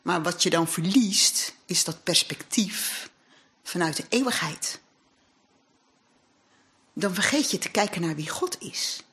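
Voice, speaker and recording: A woman's voice: lowish voice, animated, takes it slowly, long pauses, fairly bright tone. A woman giving an earnest, reflective sermon in a church hall, weaving scripture with her own experience. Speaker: lay speaker at a congregation. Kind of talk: sermon with personal testimony.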